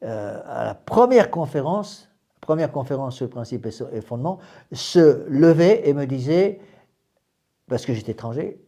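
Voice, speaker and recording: A man's voice: mid-range voice, big pitch swings, normal speed, mellow. A man, a priest, giving a doctrinal class to a small group in an emphatic way, often repeating words and restarting phrases.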